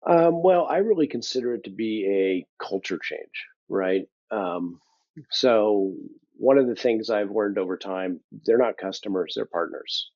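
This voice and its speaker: A man's voice: on the low side, expressive, measured pace, no room sound. An older man, a business leader, answering interview questions in a thoughtful, conversational way, with dry humor and frequent ums. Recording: dull, dry lo-fi sound.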